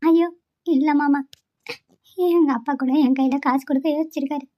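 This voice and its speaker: A woman voicing a gentle, polite young daughter-in-law in a cartoon. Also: high voice, steady tone, quick pace, lightly acted. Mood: tearful. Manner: soft, polite, humble. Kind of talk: amateur cartoon voice acting. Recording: dull lo-fi sound.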